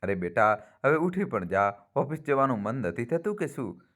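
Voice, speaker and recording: A man voicing an affectionate older mother who gently scolds her son in a storybook reading. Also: medium pitch, sing-song, moderate pace. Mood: fond, teasing. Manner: warm motherly teasing.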